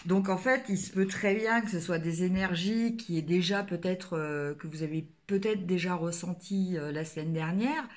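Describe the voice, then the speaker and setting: A woman from France reading tarot cards for her viewers, in a casual, hesitant way, full of fillers and restarts. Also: fairly low pitch. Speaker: tarot card reader.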